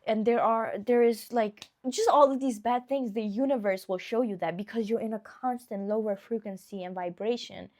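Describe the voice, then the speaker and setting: A young woman giving earnest motivational advice straight to the viewer in a casual vlog, dropping to soft, near-whispered affirmations. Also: on the high side. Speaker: self-help vlogger.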